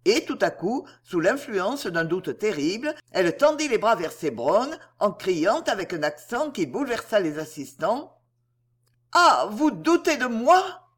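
An audiobook reader narrating a novel with an expressive delivery. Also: medium pitch, moderate pace, few pauses, slightly rough. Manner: expressive, lively reading. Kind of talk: novel reading.

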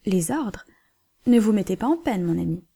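A woman reading the part of a cool, dignified banker's wife who schemes calmly. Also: mid-range voice, normal speed, creaky, breathy edge, full character voice. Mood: composed.

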